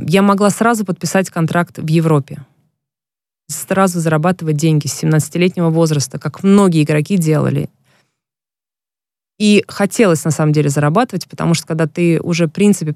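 Her lowish voice a little mellow, a former pro basketball player reflects frankly on her career during a casual interview, telling stories at length. The recording is studio quality with no room sound.

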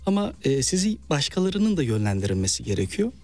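A novelist and actor from Malatya in eastern Turkey speaks in an eastern Turkish accent, his voice on the high side and his pace quick, with no room sound. During the interview he tells stories animatedly and acts out the quoted speech.

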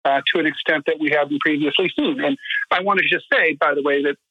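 A man's voice: on the high side, fast talker, dry recording. Man guest on a dull remote line. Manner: thoughtful, many ums and uhs. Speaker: guest commentator. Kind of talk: radio interview.

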